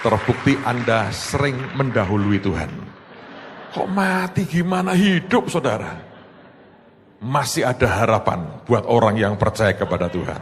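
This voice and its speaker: A man preaching a sermon as pastor, telling a story with animated bursts that jump high. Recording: long hall reverb.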